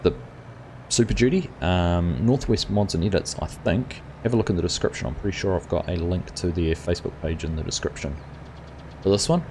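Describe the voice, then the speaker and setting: Hosting a live gaming stream, this middle-aged man speaks in a low register at a slightly quick pace, with a New Zealand accent and a faint hiss or hum behind him. His casual chat with viewers is loaded with fillers as he reads comments and replies to chatters by name.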